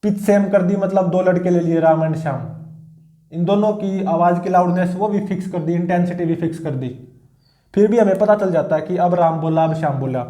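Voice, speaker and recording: A man's voice: sits high, brisk, warm tone, reverberant. A man teaching physics in a classroom-style lecture. He repeats his points and keeps checking in with his students.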